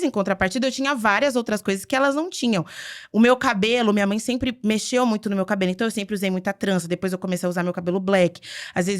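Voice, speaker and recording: As a guest on a podcast, this twenty-something beauty communicator from inland Minas Gerais, Brazil, recounts personal childhood anecdotes in a conversational interview. Her fairly high voice carries an animated, chatty storytelling style full of laughs and "entendeu?" tags.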